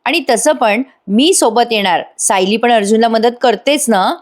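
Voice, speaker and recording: A woman's voice: a little high, moderate pace, close to an everyday voice. Woman reading a protective young husband. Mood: firm.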